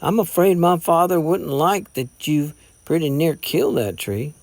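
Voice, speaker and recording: A man voicing a well-mannered young gentleman boy who speaks in a polite, steady, measured way. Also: mid-range voice, no echo, close to an everyday voice.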